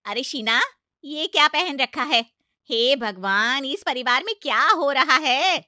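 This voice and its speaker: A shrill, scolding aunt-in-law from a cartoon story, voiced by a woman who raises her bright voice to taunt. She swings her pitch high and low and talks loudly and indignantly, in a dry room. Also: sing-song, unhurried, dry recording, full character voice. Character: scolding middle-aged aunt-in-law, tradition-bound.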